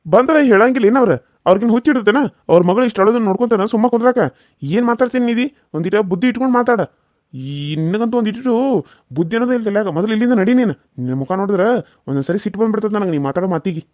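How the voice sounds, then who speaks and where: Cartoon role: man playing a fast-talking village uncle, North Karnataka accent, firm and reassuring, dry sound. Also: sits high, lively intonation, a little mellow, no room sound. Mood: stern. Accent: North Karnataka Kannada. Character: village uncle, brisk and stern but comforting.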